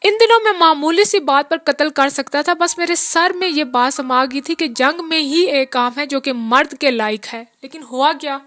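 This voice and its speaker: A woman's voice: high-pitched, moderate pace, hardly any pauses, a bit bright, dry recording, faint music behind. A woman reading the part of a weary, peasant-born man who rambles through a long, rueful account of his hard years. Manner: long rambling confessional talk.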